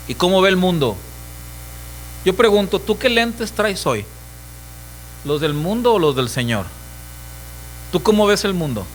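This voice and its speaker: A man's voice: a little high, bright, forceful tone, a little hiss or hum, low-quality recording. A middle-aged pastor with a Mexican accent preaching a sermon emphatically, asking his congregation questions and acting out voices. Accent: Mexican Spanish.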